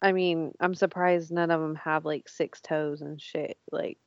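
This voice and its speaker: Woman gabbing about a show, lots of likes and swearing, a bit low, dull lo-fi sound. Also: steady tone, a little slow, gravelly, no room sound. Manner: chatty, laughing, lots of fillers and swearing. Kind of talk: casual chat.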